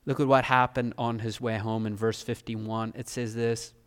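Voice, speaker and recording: A man's voice: mid-range voice, level tone, moderate pace, fairly bright tone, clean tone. A man preaching an expository sermon, often quoting verses and acting out the people he describes. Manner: rising to emphatic pleading when voicing the official.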